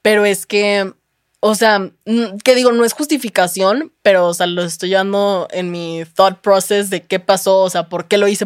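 A woman's voice: mid-range voice, no echo, studio quality. A young woman with a Mexican accent, a guest telling her story in casual chat, candid and full of slang and swearing.

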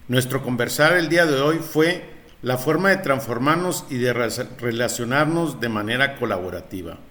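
A man hosting an interview, introducing his guest in a formal, measured way. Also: mid-range voice, expressive, a bit bright. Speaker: podcast host.

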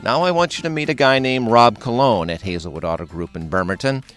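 A man hosting a radio show, reading scripted narration in a smooth announcer delivery. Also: mid-range voice, a little fast, fairly bright tone, faint music behind.

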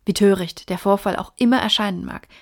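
A woman reading the part of a sharp male detective in an audiobook, in a measured, lecturing way. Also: mid-range voice, natural voice. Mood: reasoning. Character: sharp, precise male detective explaining deductions.

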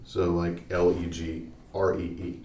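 Podcast host, very low voice, rambly storyteller, roomy distant mic. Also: male voice, flat delivery, measured pace, mellow. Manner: chatty, rambling, explains local history. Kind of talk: casual chat. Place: small study room. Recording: echoey room, mic at a distance, faint noise.

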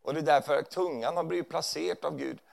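A man with a fairly high, gravelly voice gives a sermon in a church hall. His preaching is conversational, and he keeps checking in with listeners through frequent tag questions.

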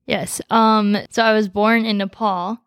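Teen girl guest, high schooler, flat delivery, easygoing and rambling, dry close mic. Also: measured pace, clean tone, no echo. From United States. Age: teens. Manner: relaxed, rambling with fillers. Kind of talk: casual conversation, personal story.

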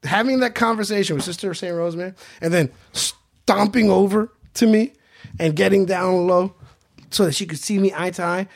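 A man's voice: high voice, normal speed, dry recording, clean studio sound. A man from Queens, New York, hosting a podcast and telling a childhood story in a profane, self-mocking comic way. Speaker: podcast host. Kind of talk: comedic storytelling.

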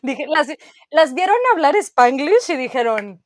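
A woman's voice: high-pitched, lively intonation, a little slow, no echo. A woman in a casual podcast chat, mixing Spanish and English in Spanglish with a slangy, playful manner. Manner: Spanglish, switching between Spanish and English mid-talk.

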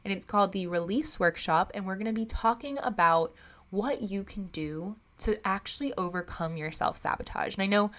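A young woman hosting a podcast in a casual, rambling chat, her voice still raspy from recovering after losing it, chatty and upbeat with lots of fillers. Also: medium pitch, moderate pace, a bit bright. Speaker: podcast host.

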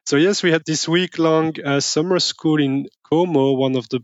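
A man speaking as an academic interview guest, explaining his work in a friendly, measured way. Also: on the high side, no room sound, dull audio.

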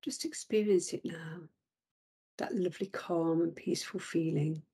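Woman, meditation guide: very slow, husky and breathy, soft whispered delivery, slightly low. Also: steady tone. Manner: slow, soothing, drifting into whispers.

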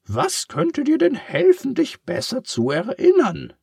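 A high, squeaky voice for a clever, patient storybook pig who loves poetry. The voice is lively and swoops up and down, recorded close and dry. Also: male voice, unhurried, vocal fry, dry recording, full character voice. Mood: comforting. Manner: high squeaky voice, gently exasperated. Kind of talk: storybook reading.

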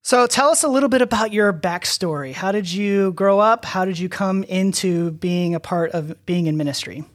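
A man's voice: sits high, normal speed, hardly any pauses. A man, a pastor co-hosting a missions podcast, introducing the guest and asking about his background. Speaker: pastor and co-host. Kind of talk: interview host.

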